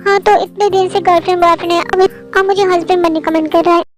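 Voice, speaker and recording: A woman's voice: very high-pitched, fairly even intonation, fast, music in the background. A woman voicing an earnest young boyfriend who pleads to marry, in an amateur fan dub. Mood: pleading. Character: eager young boyfriend wanting marriage.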